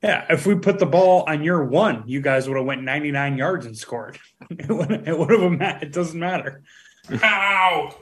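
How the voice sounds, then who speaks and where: A man's voice: fairly high pitch, normal speed, rough recording. Profane rambling podcast co-host man. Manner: rambling, profane, laughing often. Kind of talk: casual crude banter.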